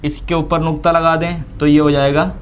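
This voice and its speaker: A man's voice: fairly high pitch, little pitch movement, normal speed, clean tone. A man teaching Quran reading, patiently drawing out each letter sound between step-by-step explanations. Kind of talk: slow step-by-step recitation lesson.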